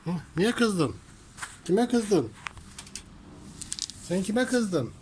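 A man's voice: big pitch swings, extremely slow, a little mellow, slight background noise. A man at home talking affectionately to his cats in playful baby talk, now and then speaking indignantly about people who harm animals. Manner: affectionate baby talk to cats, rising to high teasing tones. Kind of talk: casual talk to pets and viewers. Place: home workshop with cats around.

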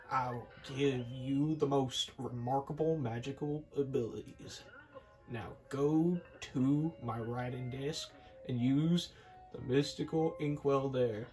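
A man doing a soft-spoken wise old kettle. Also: mid-range voice, natural voice, poor audio. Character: wise old male kettle, gentle mentor.

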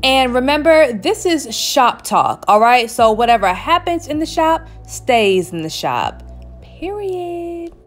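Seated in her small indoor salon, a hairstylist in her thirties casually tells a story full of laughs while a wig is being installed. Her voice sits high with big pitch swings and a slow pace, and faint music plays behind her as she faces a camera at chest height.

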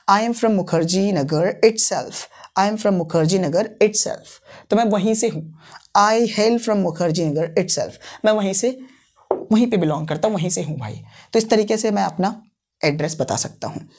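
A man teaching English phrases at a whiteboard, explaining in Hindi and patiently repeating each example phrase slowly several times. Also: high-pitched, a little mellow. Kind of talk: bilingual classroom lesson at a whiteboard.

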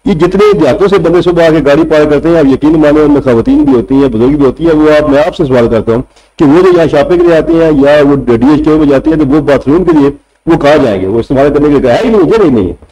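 A man's voice: a little high, fast, dark tone, poor audio. A male senior journalist with a Punjabi Urdu accent, arguing his points with rhetorical questions on a studio panel. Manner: argumentative, rhetorical questions to the host. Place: TV studio set. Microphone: table mic.

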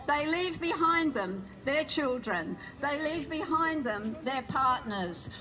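A woman's voice: high voice, bright, forceful tone, rough recording. A woman giving an emphatic speech at an outdoor protest, building her points through repetition. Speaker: protest speaker. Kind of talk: rally speech. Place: outdoor square in front of a stone building.

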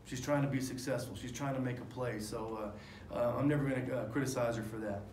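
Speaking quickly in a steady, medium-pitched voice with a somewhat dark tone, this man in his forties is a head basketball coach fielding questions after a game. He rambles candidly into table microphones, full of fillers and restarts, with a sponsor backdrop behind him. The press room echoes and carries faint noise.

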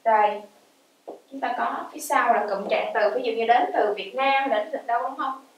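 A woman teaching an English grammar lesson in a lively way, asking the class questions and answering them herself, and reading her English examples out slowly and clearly. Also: fairly high pitch, highs cut off, slight background noise. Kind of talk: explaining grammar in a video lesson. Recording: very echoey room, voice from a distance.

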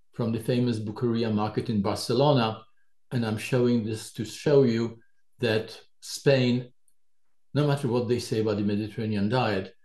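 An older man from Poland, a professor giving a measured university lecture introduction with dry asides, in a large lecture hall. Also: mid-range voice, warm tone. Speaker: professor co-leading a lecture series.

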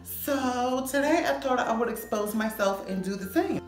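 A young adult woman vlogging casually to camera in a sassy, slangy, expressive way, recorded in an echoey room. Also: a little high, moderate pace. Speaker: YouTube vlogger. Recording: echoey room, faint music behind.

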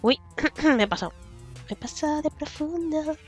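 Faint music sits behind this gaming YouTuber, a young woman with a high, lively voice who plays a video game at a moderate pace. She keeps up chatty, giggly commentary, hums and sings to herself, and sounds a bit sore in the throat.

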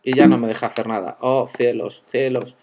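A man's voice: medium pitch, fairly even intonation, normal speed, darkish tone, a little hiss or hum. A man from narrating a screen-recorded tech tutorial, playful and joking with viewers, exclaiming as he goes.

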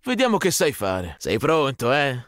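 A man's voice: mid-range voice, huge pitch swings, unhurried, fairly bright tone, no room sound. A man voicing a brash, aggressive, foul-mouthed male soldier in a game, with swaggering, coarse callouts. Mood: gruff. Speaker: Italian game dub voice actor. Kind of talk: game voice lines. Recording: dry studio recording.

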